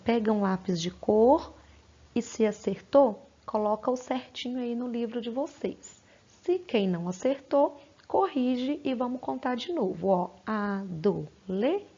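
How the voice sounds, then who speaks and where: In a recorded lesson for young children, a woman splits words into syllables slowly and patiently. Her slightly high voice has a husky edge and a darkish tone. The audio is dull and lo-fi, like a home setup.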